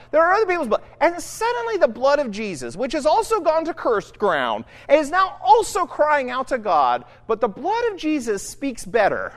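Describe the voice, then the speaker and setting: A preacher delivering a sermon, asking rhetorical questions and pressing each point home with emphasis. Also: medium pitch. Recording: long reverb, echoey hall.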